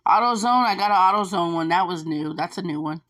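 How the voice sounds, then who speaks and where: A woman's voice: lowish voice, a little fast, a bit bright. Chatty woman vlogging advice. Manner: chatty, repeats herself, frequent fillers. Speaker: gig delivery driver vlogger. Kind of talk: casual advice vlog to viewers.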